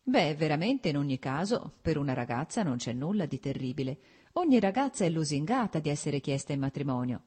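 A genial, worldly nobleman, voiced by a woman reading aloud, talking in a jovial, knowing, teasing way. The voice stays low and dark, with a slight husk. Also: big pitch swings, a little fast, husky, heavily acted.

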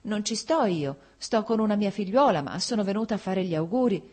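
A woman reading aloud voices an old nurse, emotional and deeply fond of her mistress. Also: animated, fairly quick, darkish tone, close to an everyday voice. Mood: tearful fondness.

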